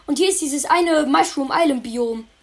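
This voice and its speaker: A woman's voice: high-pitched, moderate pace. A teenage girl hosting a game recording in casual chat, brash and teasing, swearing often. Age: teens. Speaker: let's play host.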